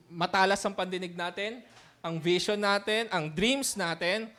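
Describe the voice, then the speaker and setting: High-voiced man telling a sermon story. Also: a bit bright, clean tone. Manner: storytelling, mixes Tagalog and English, laughs often. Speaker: pastor. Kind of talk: sermon testimony.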